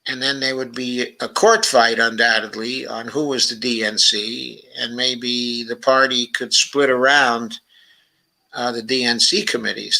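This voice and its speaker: Bright-toned man hosting a livestream. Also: medium pitch, creaky, poor audio. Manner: thinking aloud, unhurried, sprinkles "okay" and "uh" through sentences. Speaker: talk show host. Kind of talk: casual livestream commentary, reading viewer comments.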